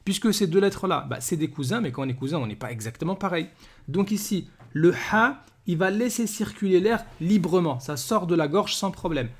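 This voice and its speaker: A man runs a calm pronunciation lesson, voicing each letter slowly and repeating it. His voice sits a little high. He keeps asking whether the listener is following. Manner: patient, repeats letter sounds slowly, asks "d'accord?" often. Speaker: Arabic teacher.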